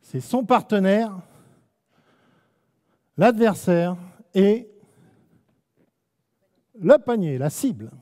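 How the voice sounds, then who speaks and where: In an echoing indoor basketball gym, a man with a French accent leads a live coaching clinic, calling out short commands and teasing players. His high, slightly mellow voice is sing-song, with drawn-out words and long pauses.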